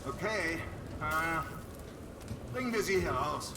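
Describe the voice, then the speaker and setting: An actor playing a curt, businesslike security officer in a video game. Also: male voice, a little high, expressive, slow. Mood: cold, businesslike. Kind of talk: dramatic video game acting. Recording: distant, echoey, very noisy.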